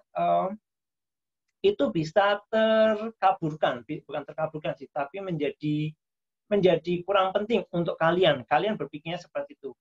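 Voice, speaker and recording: A man giving a casual online workshop lecture, full of fillers and tag questions. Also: high voice. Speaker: workshop presenter. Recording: dull lo-fi online call audio.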